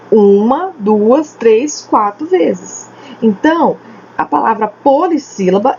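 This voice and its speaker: Woman, teacher, slow drawn-out emphasis, faint background hiss. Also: high-pitched, darkish tone. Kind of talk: remote lesson for children. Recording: slightly dull home recording with faint noise.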